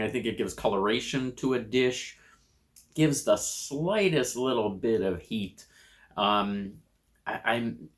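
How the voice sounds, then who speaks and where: An American man giving a casual food review to camera in a measured, descriptive way, crunching and chewing chips between remarks. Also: lowish voice, fairly bright tone. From United States.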